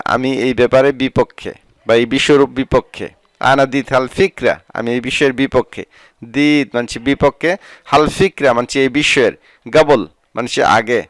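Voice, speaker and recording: Male tutor for a scripted phrase lesson, steady middle voice, dry, close to the mic. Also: medium pitch, no echo. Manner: repeats each phrase, then explains it. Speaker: language teacher.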